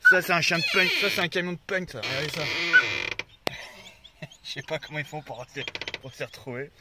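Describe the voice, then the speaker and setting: A man vlogging casually to his viewers outdoors, excitable, swearing often and talking to his dogs. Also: a little high, fairly quick. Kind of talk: casual vlog talk to viewers. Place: outdoors by a road, then at a van with dogs. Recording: noisy outdoor vlog recording.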